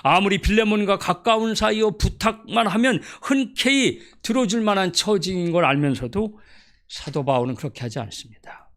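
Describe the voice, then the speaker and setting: A middle-aged male pastor delivering a Sunday sermon, his voice gravelly with a slightly high pitch. He tells folksy, humorous stories and slips into acted-out quotes from the countryside. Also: expressive, normal speed, fairly bright tone. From Gyeonggi Province, South Korea.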